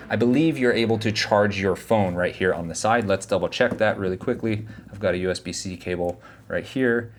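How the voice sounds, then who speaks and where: A man giving a casual, explanatory product review to camera, speaking informally into a small clip-on wireless microphone. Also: lowish voice. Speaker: tech reviewer. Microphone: small wireless clip-on mic on chest. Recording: clip-on wireless mic, clear background noise.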